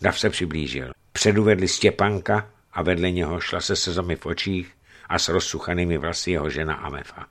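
A man narrating a historical adventure story in an expressive, dramatic reading. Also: low-pitched. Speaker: audiobook narrator. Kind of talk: scripted narration.

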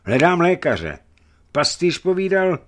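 A man voicing a calm, firm young wanderer who answers strangers plainly. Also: high voice, voice pushed up.

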